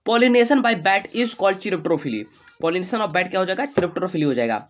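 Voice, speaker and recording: A man teaching a quick exam revision, repeating each question and answer to drill it in. He reads English terms slowly and then explains them in Hindi. The audio is slightly dull and lo-fi. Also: high-pitched, expressive. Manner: rapid, repetitive, keeps asking and answering his own questions. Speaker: online exam tutor. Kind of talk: fast exam revision lecture.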